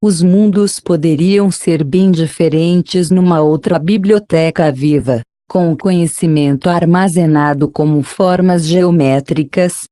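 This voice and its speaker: A narrator reading a script in a soothing, measured, instructional way, like a guided meditation at a spa. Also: mid-range voice, warm tone, no room sound.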